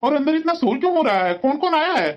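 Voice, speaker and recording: A woman voicing a stern middle-aged father-in-law in a cartoon, talking in gruff, demanding questions. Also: high-pitched, sing-song, quick pace, voice pushed down. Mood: suspicious. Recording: dull lo-fi audio.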